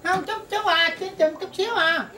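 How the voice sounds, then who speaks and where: An older woman, giving slow, halting replies full of fillers. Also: extremely high pitch, background noise. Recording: echoey, distant, people chattering behind.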